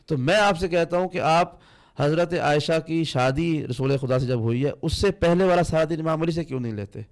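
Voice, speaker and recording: A man holds his ground in a heated podcast debate. He argues insistently and keeps interrupting, with a slightly raised pitch. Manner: insistent, argumentative, cuts in often. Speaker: podcast guest.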